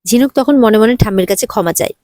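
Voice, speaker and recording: A woman's voice: mid-range voice, quick pace, darkish tone, no room sound, studio quality. A woman narrating a casual, chatty recap of a TV serial episode, restarting her sentences now and then.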